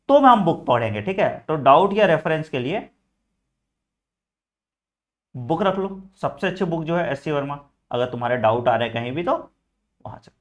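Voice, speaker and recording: A man with a somewhat high voice gives students study advice in a casual lesson. He is direct and teacherly, checks in often to confirm they follow, and drops in English phrases. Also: fairly bright tone. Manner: frequent "theek hai" check-ins, addresses students as beta. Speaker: exam coaching teacher.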